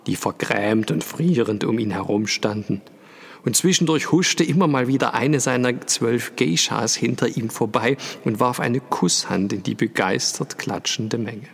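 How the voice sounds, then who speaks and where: A man reading a story aloud as narrator, in a slow, measured way. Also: mid-range voice, vocal fry, breathy edge. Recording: long hall reverb.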